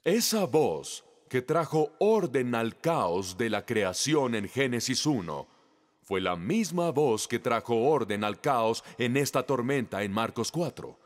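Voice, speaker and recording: Brief: middle-aged man, pastor preaching, very lively pitch, emphatic storyteller. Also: slow. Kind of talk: sermon.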